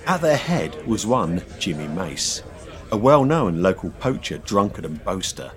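A man tells a folk tale in a deep voice that rises and falls with lively expression. He is playful and engaged, a storyteller setting the scene in an old village pub. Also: measured pace. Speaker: podcast co-host and storyteller. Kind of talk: storytelling narration and banter.

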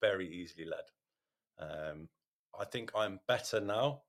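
A man, a podcast host, telling his own story in a candid interview, halting, with many ums and repeated words. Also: low-pitched, a crowd in the background.

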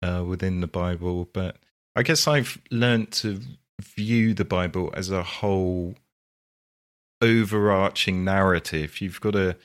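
A man with a very low voice muses aloud in a casual podcast chat. He speaks slowly and thoughtfully. He works through doubts by asking questions. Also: fairly even intonation. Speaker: podcast co-host. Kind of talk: casual discussion.

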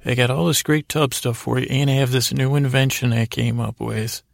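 A middle-aged man's gravelly, creaky mid-range voice, flat in delivery with no room sound, carries a sleep podcast's rambling bedtime monologue. Speaking close on the microphone, he halts, repeats, drifts into silly, absurd asides, and trails off mid-thought.

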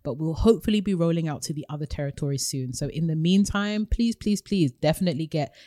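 Woman podcast cohost, lively and encouraging, lots of yeahs, dry close sound. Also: deep voice, fast, no echo. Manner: lively, encouraging, many affirming interjections. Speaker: podcast co-host. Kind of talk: casual chat.

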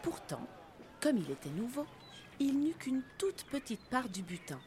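A woman narrating a children's storybook in an expressive, lively manner. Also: high-pitched, measured pace, a little hiss or hum.

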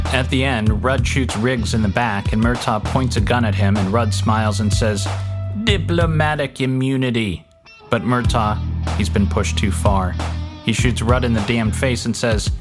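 A man hosting a podcast, reading scripted narration in a dry, wry way with casual swearing. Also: on the low side. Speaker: podcast host. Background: faint music.

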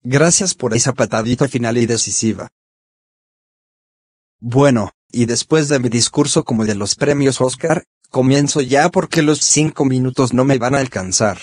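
A synthetic male text-to-speech voice, reading a scripted first-person diary in a measured, slightly stiff way. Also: mid-range voice, a little mellow, no echo, studio quality. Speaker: columnist narrating his weekly diary.

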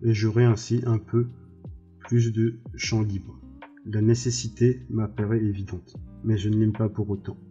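A cruel, scheming baron, read by a man who talks slowly and with mockery. The voice is dark and low with little melody. The audio is slightly dull, with faint music underneath. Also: level tone, natural voice. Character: cruel scheming male baron, older, menacing.

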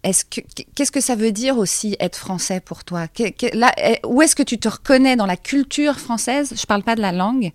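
A woman reporter asking brisk, probing questions and narrating a news report. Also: a little high, no echo, studio quality. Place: school in Paris.

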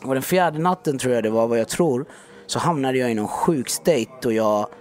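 Man, thirties, podcast guest, casual slangy talk, mid pitch. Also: darkish tone, soft background music. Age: 30s. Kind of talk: candid podcast storytelling.

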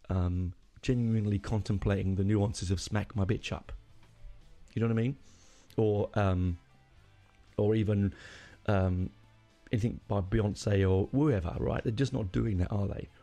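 A middle-aged man hosts a podcast alone, speaking in a lowish, dark-toned voice at a slightly slow pace while faint music plays behind him. His casual monologue rambles and is full of opinions, and he often corrects himself mid-sentence.

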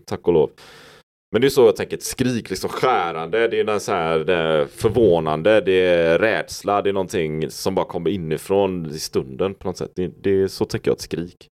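Man, podcast host, low voice, rambling, reflective, casual chat. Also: darkish tone.

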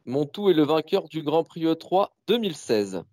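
A man's voice: on the high side, big pitch swings, moderate pace, darkish tone, no echo. Playful male quizmaster with a slightly raised voice, recorded dry. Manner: playful, announcing. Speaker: quiz master. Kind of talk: reading quiz riddles.

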